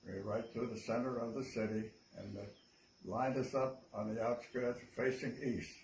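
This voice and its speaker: An elderly American man, an old veteran remembering his service in a plain, halting way. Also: mid-range voice, fairly even intonation, a little mellow, a little hiss or hum, rough recording. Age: 80s or older. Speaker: World War II veteran. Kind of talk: personal reminiscence.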